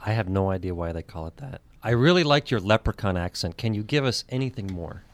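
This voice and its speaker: A man co-hosting a radio show in a studio, explaining his thinking in a measured, analytical way. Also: on the low side, animated. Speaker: radio co-host. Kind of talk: casual radio chat.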